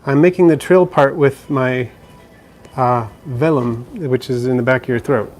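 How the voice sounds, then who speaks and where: A man with a medium-pitched, steady, darkish voice speaks at a normal speed while soft music plays behind him. He is casually answering viewer questions on a live stream from indoors beside a frog terrarium, sounding chatty and easygoing, with lots of fillers and restarts.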